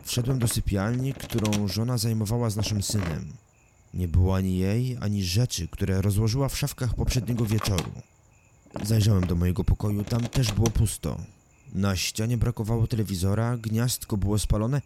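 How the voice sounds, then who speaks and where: A man narrating a first-person thriller audiobook in a calm, measured storytelling manner. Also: fairly low pitch, slight background noise.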